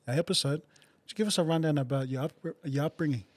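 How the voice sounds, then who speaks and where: Upbeat podcast host man, slightly high voice. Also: fast talker. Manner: upbeat, encouraging interjections. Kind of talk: casual interview chat.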